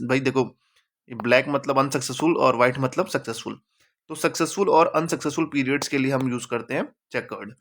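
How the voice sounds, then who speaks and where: A man's voice: mid-range voice, a bit bright. Chatty male vocabulary teacher. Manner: chatty, mixes English terms into Hindi, repeats words for emphasis. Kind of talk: casual classroom explanation.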